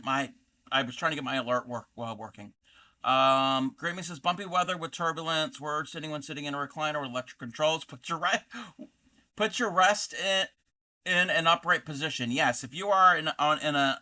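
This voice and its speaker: Bright-voiced man hosting a casual craft livestream. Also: fairly high pitch. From North America. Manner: distracted, halting, reads chat messages aloud. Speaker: livestream host of a craft channel. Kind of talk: casual livestream chat while crocheting.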